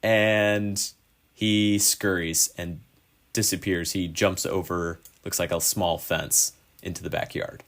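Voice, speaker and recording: A man's voice: sits low, little pitch movement, takes it slowly, a bit bright. A man narrating a tabletop game as game master in a casual, descriptive way.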